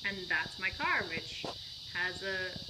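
A woman's voice: lowish voice, slow, very noisy. Playful woman in an echoing empty house. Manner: playful, chatty and excited. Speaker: vlogger. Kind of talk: casual vlog house tour. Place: large empty house, indoors. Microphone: phone camera at arm's length. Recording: echoey empty room.

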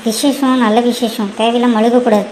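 A woman voicing a scheming, sharp-tongued stepmother in a cartoon who scolds her husband and daughters. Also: on the high side, fairly even intonation, brisk, a little hiss or hum, natural voice, poor audio. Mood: scolding. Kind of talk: cartoon voice acting.

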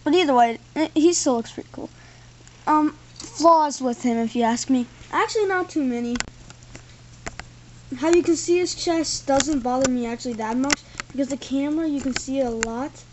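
A woman whose voice sits high talks at a moderate pace through a rambling, casual toy review, using "like" and "thing" constantly. The tripod camera's built-in mic picks her up in a carpeted indoor room, with slight background noise and poor audio overall.

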